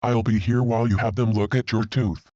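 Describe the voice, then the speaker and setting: A man voicing a supportive male friend who speaks in a low-key, reassuring way. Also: fairly even intonation, brisk, a little mellow, no echo, dull audio, close to an everyday voice.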